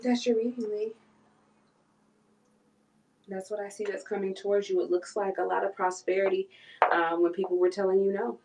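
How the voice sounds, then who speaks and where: A woman's voice: medium pitch, little pitch movement, normal speed, long pauses, a little mellow, poor audio. A woman giving a live tarot reading, now and then voicing what the cards' figures would say. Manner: speaks for the cards' figures in quoted asides. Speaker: tarot reader.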